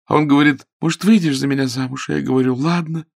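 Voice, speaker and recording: A flighty young woman, high-pitched and excitable, with a pleading edge, as a man puts her on. The falsetto has a gravelly, husky texture. The recording is dry and close, with no room sound. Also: fast, no echo. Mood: aggrieved, recounting. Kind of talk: audiobook character voice.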